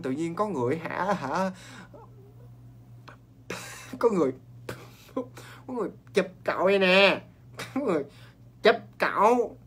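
A man's voice: on the high side, slightly rough. Chatty Southern Vietnamese man telling ghost tales. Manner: animated, talks straight to viewers, quick asides and laughs. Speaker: ghost story host. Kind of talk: chatty livestream storytelling.

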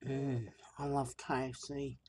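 A food reviewer in their forties talks through a mouthful of food at an ordinary middle pitch, tripping over the first sounds of words as they chat. There is a faint hiss of noise behind the voice. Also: flat delivery, slow, a little mellow. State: mouth full. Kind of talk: casual food review vlog.

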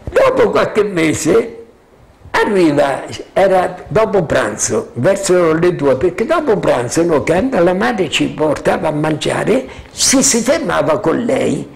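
An older man recalls the past in a freewheeling, animated way, pitch jumping up and down as he goes. His voice sits a touch high for a man and has a gravelly crackle. He keeps checking that his listeners are following. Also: takes it slowly. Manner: freewheeling, keeps asking "capito?"; animated storyteller, chuckles often. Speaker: witness sharing memories. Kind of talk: rambling spoken recollection.

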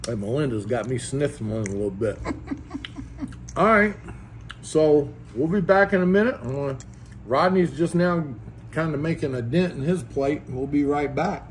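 A man's slightly high, expressive voice moves at a normal speed as he hosts a relaxed food vlog in a restaurant. Chatty and folksy, he laughs between bites while faint restaurant noise carries on behind him.

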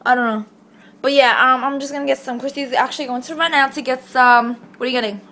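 Teen girl vlogger, casual rambling chat, slightly high voice. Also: fairly even intonation, fast talker, bright, forceful tone. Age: teens. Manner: chatty, rambling with many "like" fillers. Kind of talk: casual daily vlog.

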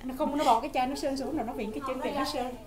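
A woman's voice: high-pitched, steady tone, very fast, a crowd in the background. A woman bantering and teasing with jokes in a casual chat in a nail salon.

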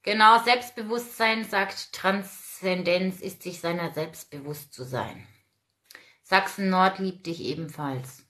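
A woman's voice: fairly low pitch, slow pace, pushed and bright, slight background noise. A woman in her forties hosting a casual livestream, outspoken and ranting while reading out viewer comments. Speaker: livestream host.

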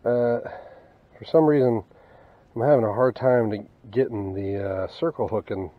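This fishing channel host, a young man with a Southern US accent, talks casually to camera while fishing from a small boat on a wooded river, muttering and cursing at fish. His voice sits on the low side with fairly even intonation and a moderate pace, with no room sound. The action camera on the boat captures slightly dull outdoor audio.

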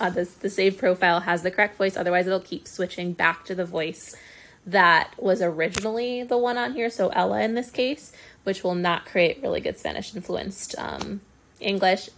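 A woman speech-language pathologist walks through a software tutorial one step at a time. Her voice sits in a middle pitch, and she talks casually, filling the pauses with ums. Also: slight background noise. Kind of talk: screen-recorded software tutorial.

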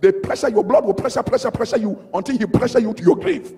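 A man's voice: sits high, fast, mellow, husky, big-room sound. A male pastor preaching an emphatic sermon, reading scripture and repeating key words for effect.

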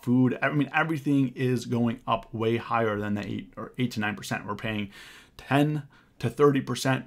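A man in his thirties giving stock market commentary over charts, urgent and emphatic, with frequent restarts and repeated words, in a small room. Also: medium pitch.

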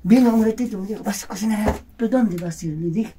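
A woman's voice: medium pitch, quick pace, warm tone, a little hiss or hum, natural voice. Woman playing a meek old Peruvian pensioner man. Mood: plaintive. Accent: Peruvian Andean Spanish. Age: over 60. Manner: plaintive, complaining. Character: henpecked old male pensioner, plaintive and meek. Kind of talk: comedy sketch acting.

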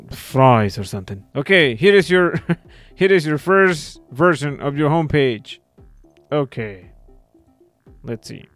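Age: adult. Role: video creator. Style: casual screen-recording tutorial. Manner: wry, self-mocking commentary at a middling pitch. Behind: faint music. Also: male voice.

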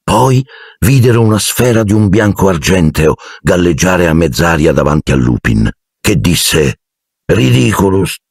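A man narrating an audiobook dramatically, with an animated delivery and voicing each character. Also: sits low, moderate pace, dry recording, clean studio sound.

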